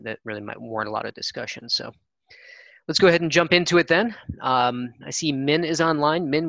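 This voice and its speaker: A man chairing a technical committee meeting on a conference call, halting with many fillers. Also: medium pitch, creaky, a bit bright, no echo, low-quality recording.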